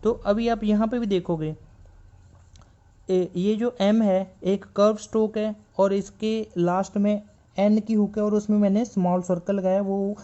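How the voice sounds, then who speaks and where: A man teaching shorthand in a classroom style, patiently repeating each point and reading textbook lines slowly. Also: sits high, warm tone, muffled recording. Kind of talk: classroom explanation.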